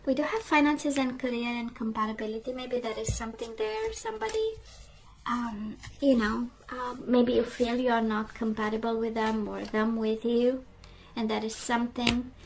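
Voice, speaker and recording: Woman, tarot reader, hoarse and throat-clearing, chatty and reflective, light background noise. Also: a little high, lively intonation, normal speed, poor audio. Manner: chatty, reflective, frequent "right?" and "we do have". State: losing her voice, clearing throat. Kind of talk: casual tarot reading to camera.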